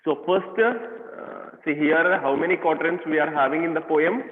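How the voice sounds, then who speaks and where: A man with an Indian English accent teaching an online class, explaining slowly with many fillers and questions to his students. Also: fairly high pitch. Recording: echoey room, tinny phone-like sound.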